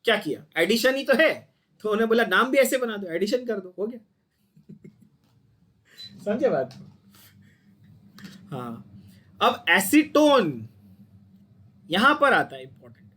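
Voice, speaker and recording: A man's voice: sits high, sing-song, measured pace, long pauses, sharp tone. A man with an Indian accent teaching chemistry to a class, explaining step by step and checking in with students often. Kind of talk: classroom lecture.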